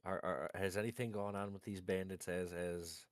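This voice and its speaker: A playful, mischievous man taking his turn in a tabletop game. His voice sits very low. The sound is dry and close. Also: fairly even intonation, moderate pace, dry recording. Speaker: player. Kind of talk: tabletop role-play chat.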